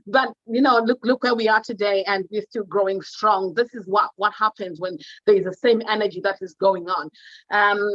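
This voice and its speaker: Speaking off the cuff about wealth, this guest motivational speaker from Zimbabwe is exuberant and emphatic, driving points home by repeating words, and has a Zimbabwean accent. Her mid-range voice is fairly bright and slightly rough, and the recording sounds muffled, without echo.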